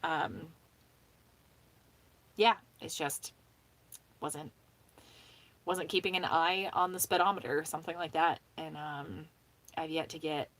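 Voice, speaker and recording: A young woman chatting casually on a live stream, rambling with lots of "um" and "like", laughing often and talking fast with some mumbling. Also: deep voice, fairly even intonation, fairly bright tone. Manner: talks fast and mumbles at times.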